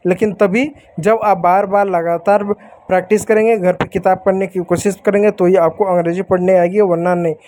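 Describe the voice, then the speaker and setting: A man's voice: high voice, a little mellow, poor audio. A male teacher giving a beginner's lesson, patiently addressing viewers as dear children and sounding out words one by one. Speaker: English teacher.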